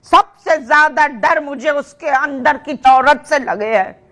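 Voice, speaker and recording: Playing a scolding mother in a scripted comedy drama, an older woman scatters proverbs through her lines. She speaks slowly in a high-pitched, somewhat bright voice.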